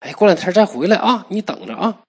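A man's voice: high-pitched, animated, quick pace, husky, voice pushed up, exaggerated voice. A man voicing a kindly old female fox spirit who sighs and coaxes in a storybook tale. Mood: sighing. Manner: sighing, coaxing.

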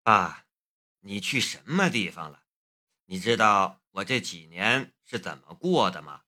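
Audiobook: young protective elder brother, gruff, slightly lowered voice , read by a man. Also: expressive, moderate pace, bright, forceful tone. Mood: sorrowful. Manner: gruff, mock-stern.

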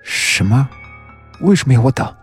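An anxious, agitated young man who pleads and protests, as a male narrator puts him on. He talks higher than the narration, with a husky edge. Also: big pitch swings, fairly quick, mellow, faint music behind. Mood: upset. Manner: pleading, upset.

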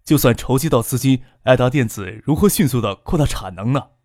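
A man's voice: medium pitch, lively intonation, fairly quick, darkish tone, no echo, clean studio sound, close to an everyday voice. A man voicing an affable, probing middle-aged businessman in an audiobook, asking friendly questions.

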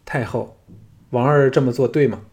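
A male audiobook reader voicing a young king who speaks in a composed, measured way and builds to forceful declarations. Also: medium pitch, fairly even intonation, natural voice. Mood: calm, composed.

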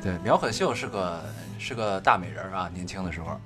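A young adult man from mainland China co-hosts a podcast, chatting casually about films while guitar music plays behind the talk. His voice is low-pitched, animated, a bit bright and fairly quick.

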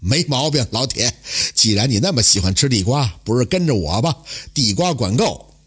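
A man voicing a shrewd middle-aged magistrate who speaks in a measured, dryly amused way. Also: mid-range voice, very animated, a bit bright, husky. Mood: wry.

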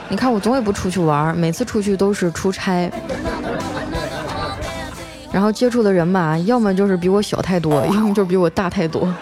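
A young woman hosting a comic audio show, telling funny stories and reading listener messages in a chatty, playful way. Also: mid-range voice. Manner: chatty, playful, trails phrases with 啊. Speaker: podcast host.

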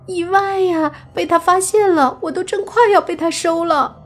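A panicky young male zombie, as a woman reader puts him on, pleading in a high, teary voice. He sounds loud and shrill, lifted far above an ordinary speaking voice. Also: moderate pace. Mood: tearful. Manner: tearful, pleading, high-pitched.

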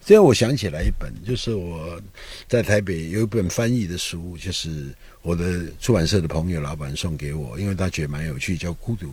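A man's voice: deep voice, fairly quick, a little mellow, slightly rough, no echo. An older man, a guest writer, talking in a musing, discursive way through a reflective conversation. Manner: musing, discursive, with rising and falling emphasis.

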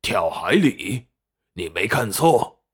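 A man voicing a gruff, suspicious one-eyed pirate boss in an audiobook. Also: lowish voice, sing-song, slow pace, fairly bright tone, full character voice. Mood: wary. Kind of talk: audiobook character voice.

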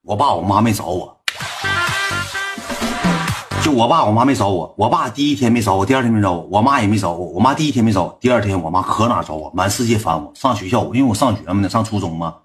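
Fast-talking Northeast Chinese young man. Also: fairly low pitch, soft background music. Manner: slangy, swearing, animated retelling with repeated asides. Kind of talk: storytelling to a livestream audience.

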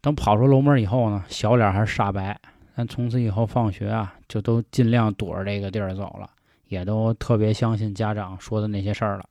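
A man's voice: on the low side, steady tone, fairly quick, a little mellow, dry recording. A man telling a ghost story in a casual, chatty way, often turning to listeners with folksy asides.

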